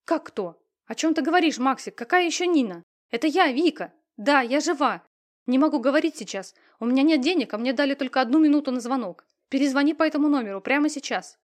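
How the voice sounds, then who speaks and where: A woman voicing a frantic, emotional young heiress in an audiobook, talking loud and high-strung. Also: a little fast, lightly acted.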